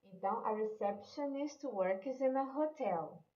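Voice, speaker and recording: Brief: woman, Brazilian accent, patient English teacher, slightly high voice, roomy and slightly muffled recording. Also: expressive, slow. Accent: Brazilian Portuguese. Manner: explains patiently, mixes English and Portuguese, frequent "né?" and "ok?". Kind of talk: online language lesson.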